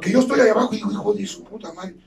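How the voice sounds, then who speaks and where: A Mexican man with a Mexican Spanish accent giving crude, profanity-laden testimony at a support meeting, bursting into shouts. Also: high-pitched, racing, a crowd in the background. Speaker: recovery group speaker. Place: meeting hall. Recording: distant mic in a noisy crowded room.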